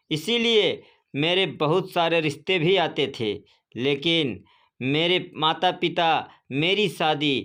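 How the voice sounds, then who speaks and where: A woman reading a first-person story as scripted narration in a slow, even, plain way. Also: deep voice.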